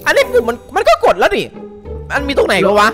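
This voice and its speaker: High, lively young man yelping at a game. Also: fast. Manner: excitable, yelps and laughs. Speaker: gaming YouTuber. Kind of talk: casual co-op game commentary. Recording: music playing behind.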